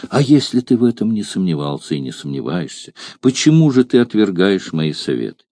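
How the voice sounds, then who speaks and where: A scheming young courtesan coaxes her lover with feigned tenderness, voiced by a male narrator. The voice sits a little higher than his own, soft and wheedling, in a dry storybook reading. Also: sing-song, fairly quick, no room sound. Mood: coaxing.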